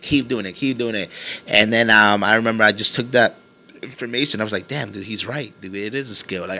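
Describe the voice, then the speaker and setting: A young man in his twenties, a podcast guest, talking earnestly in casual chat and often trailing off softly. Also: on the low side. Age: 20s. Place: graffiti-walled studio, indoors.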